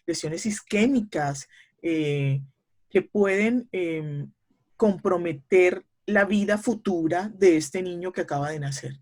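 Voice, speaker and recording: A middle-aged woman speaks as an interview guest, laying out clinical points in a measured, teacherly manner. She pauses often with small hesitation fillers as she works through her explanation. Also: lowish voice, a little mellow. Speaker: speech therapist guest.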